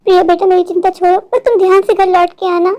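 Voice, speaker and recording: A woman's voice: extremely high pitch, flat delivery, fast talker, warm tone, dull audio. A woman voicing a stubborn, protective middle-aged mother who scolds insistently and speaks devoutly. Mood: scolding. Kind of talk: storybook voice acting.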